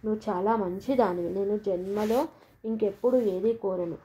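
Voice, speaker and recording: A man's voice: high voice, steady tone, normal speed, dark tone, natural voice. A woman voicing a loving, hot-tempered young husband who pleads emotionally with his wife. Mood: pleading. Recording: dull lo-fi recording.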